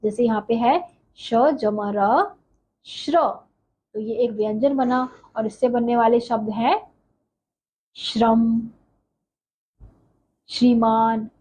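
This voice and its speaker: A woman's voice: a little high, measured pace, warm tone. A woman teaching a Hindi grammar lesson, spelling out letters and example words one at a time and asking rhetorical questions she answers herself. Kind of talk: slow explanatory lesson. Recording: slightly dull recording with faint ambient noise.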